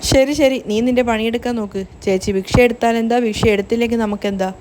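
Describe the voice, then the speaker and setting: A woman's voice: a little high, fast talker, a little mellow, slight background noise, close to an everyday voice. A woman reading the lines of a blunt, tactless middle-aged uncle in a serial recap, grumbling in her own voice.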